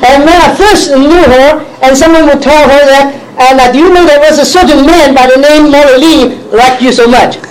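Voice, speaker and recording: A man with a Chinese accent interpreting a sermon live, in halting, hesitant phrases. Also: very high voice, poor audio.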